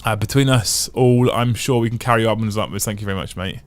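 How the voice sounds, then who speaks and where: Speaking a little fast in a lowish voice, this livestream host keeps things casual, reading out viewer comments and chatting. His thoughts spill out in long stretches, full of restarts and phrases said twice.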